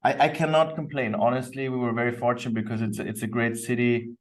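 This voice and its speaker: A fast-talking Austrian man with a mid-range voice and flat delivery is a guest on a podcast. As a company co-founder, he explains himself in an easygoing, thoughtful way, recorded from a distance.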